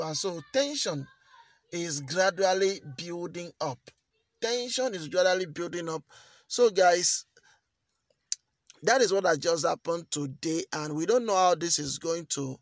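A man's voice: fairly high pitch, a bit bright, no echo. A man giving earnest news commentary as a vlogger, often repeating phrases for emphasis. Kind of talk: commentary to camera.

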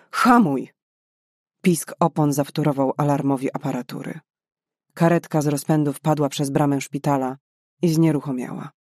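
Guy reading an audiobook, measured and dramatic, bit high pitched, dry close sound. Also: a little mellow, no echo. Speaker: audiobook narrator. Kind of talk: scripted narration.

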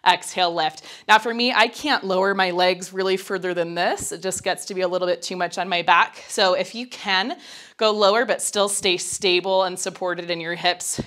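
A young woman in her twenties, sounding nasal and stuffed up as she gets over a cold, leads a mat pilates workout from a small home studio while doing it herself. Her voice is on the low side and fairly bright, with fairly even intonation and a normal speed. She's slightly breathless, chatty and encouraging as she counts down.

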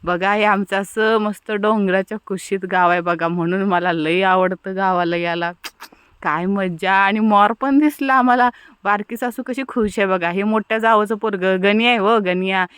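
A young woman tells her village day in a lively, playful vlog. Her voice is smooth and clear, recorded close and dry. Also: medium pitch, moderate pace, dry recording. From Maharashtra, India. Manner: chatty, playful storytelling with village slang. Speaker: vlogger. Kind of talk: casual vlog narration.

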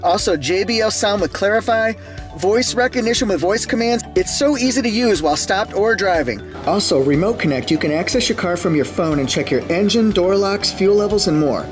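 A man's voice: high voice, expressive, brisk. A middle-aged man presents a car walkaround outdoors at a race track, sounding upbeat and salesy. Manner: enthusiastic, salesy. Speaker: car reviewer. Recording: music bed under voice.

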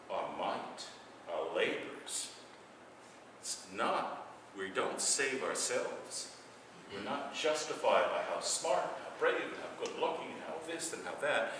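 A middle-aged man, a priest, preaching a sermon with big swings between loud passages and hushed ones. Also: lowish voice, a little hiss or hum. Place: church sanctuary. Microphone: far camera. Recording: echoey church from far off.

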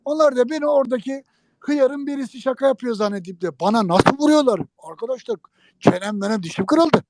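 A guest tells an interviewer an old prank story, animated and jokey, speaking straight to his listeners. His voice is very high-pitched and a little fast, with a noisy background.

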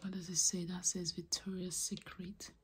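A woman with a low voice delivers whispered ASMR chat, slipping between breathy whispers and soft speech. She is close to the microphone, and the recording has clear background noise with clicks. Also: little pitch movement, moderate pace. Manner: soft, repetitive trigger words. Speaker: ASMR host.

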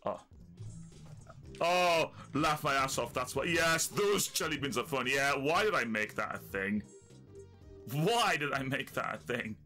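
A man giving live gameplay commentary, excitable and swearing often, with loud bursts of laughter. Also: mid-range voice, unhurried, soft background music. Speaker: let's play streamer.

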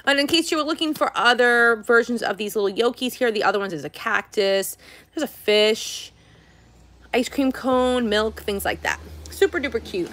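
A woman's voice: a little high, moderate pace, a bit bright. A woman, chatty and girlish, gushing casually as she hosts a toy and candy unboxing vlog. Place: indoors at home, by a tabletop.

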